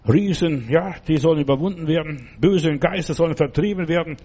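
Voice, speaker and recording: An older man preaching a sermon, exhorting listeners and retelling stories with animated energy. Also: a little high, brisk, breathy edge.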